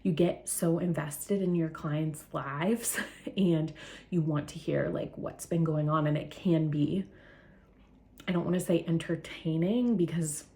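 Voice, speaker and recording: Gravelly, mellow-voiced woman vlogging. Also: low-pitched, steady tone, measured pace. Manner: chatty, earnest, filler-heavy. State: out of breath. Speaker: therapist and channel host. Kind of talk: casual talking-head vlog.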